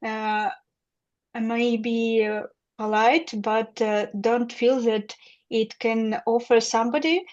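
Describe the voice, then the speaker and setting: A woman's voice: a little high, steady tone, slow, a little mellow. A Russian woman with a Russian accent, speaking English conversationally and hesitantly as she searches for words. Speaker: English club participant. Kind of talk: halting conversational second-language speech. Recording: dull lo-fi online call.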